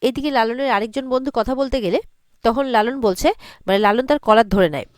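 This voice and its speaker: Fast-talking woman retelling a serial. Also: fairly high pitch, no echo, clean studio sound. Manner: quick storytelling, voicing lines in quotes lightly. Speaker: serial recap narrator.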